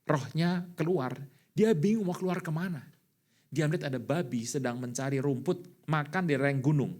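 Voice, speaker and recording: Man, middle-aged, pastor, sermon, animated delivery, loud bursts. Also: fairly high pitch, normal speed. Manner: animated preaching, rising to sudden loud bursts.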